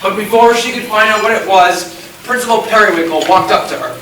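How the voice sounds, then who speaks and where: A narrator telling a play in a dramatic storytelling manner, quick to indignation. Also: medium pitch, a bit bright, natural voice. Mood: narrating. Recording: very echoey room from far off with noise.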